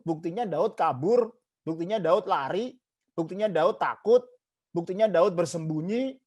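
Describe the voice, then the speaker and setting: A man's voice: sits high, darkish tone. A man preaching a sermon as a pastor, emphatic, with repeated parallel phrases and English words mixed in. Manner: mixes English phrases into Indonesian, repeats "saudaraku" often.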